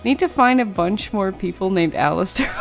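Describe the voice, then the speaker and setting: A woman's voice: medium pitch, wildly swooping pitch, moderate pace, creaky, over loud music. A woman streamer chatting casually with her viewers, reacting to chat with frequent laughter and yawning from tiredness.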